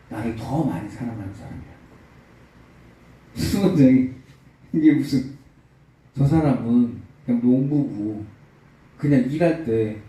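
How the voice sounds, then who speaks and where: A man's voice: mid-range voice, mellow, heavy reverb, distant mic, poor audio. A male pastor preaching a sermon, telling a story with acted-out quotes and building to emphatic peaks. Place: church sanctuary.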